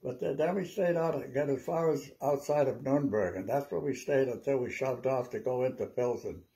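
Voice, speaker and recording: An elderly man in his nineties with a dark, relaxed voice. He speaks as an old veteran remembering his service, telling stories conversationally. His recollection is halting and wanders, with words often repeated. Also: mid-range voice. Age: 90s. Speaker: WWII veteran interviewee. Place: small living room at home, seated.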